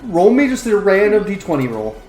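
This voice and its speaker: A man's voice: high-pitched, very animated, fairly quick, a loud crowd. A man narrating a tabletop role-playing game as the game master. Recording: roomy echo, faint music underneath. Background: faint background music.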